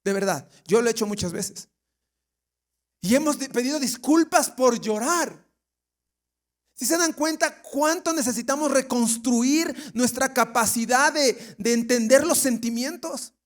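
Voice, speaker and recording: A man's voice: extremely high pitch, unhurried. A pastor with an Ecuadorian accent preaching a sermon, asking the congregation questions and now and then acting out the people he quotes. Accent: Ecuadorian Spanish. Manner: jokes, laughs, mimics people he quotes.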